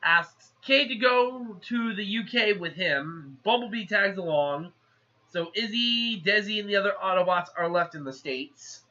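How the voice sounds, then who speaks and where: A man giving a casual, rambling movie plot recap in a chatty, animated way. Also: high-pitched, measured pace. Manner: chatty, animated, acts out characters. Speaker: movie reviewer. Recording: slightly muffled lo-fi recording.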